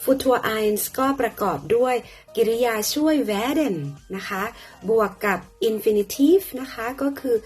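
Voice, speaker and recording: A woman teaching a grammar lesson, explaining patiently and softening her phrases with polite particles. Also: fairly high pitch, slow, husky, faint music behind. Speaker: language teacher.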